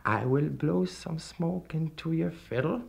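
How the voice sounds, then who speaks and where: A man voicing a sly, smooth male devil in a folktale, speaking slowly and hushed, trailing into whispers. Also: a little high, pitched above the performer's own voice. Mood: tempting.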